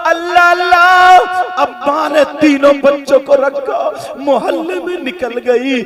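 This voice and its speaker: A male preacher telling a story and shouting exhortations in an impassioned sermon at a religious gathering. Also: extremely high pitch, slow. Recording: distant mic with crowd noise.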